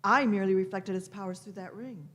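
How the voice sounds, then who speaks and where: Eccentric old female genius, acted by a woman, mid-pitched, imperious, fussy, theatrical, for radio drama. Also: steady tone, fast talker, fairly bright tone, a little hiss or hum, natural voice. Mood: brisk, explanatory. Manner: fussy, theatrical, repeats phrases. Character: imperious, eccentric elderly time-travelling genius, female Doctor. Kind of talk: live staged radio play.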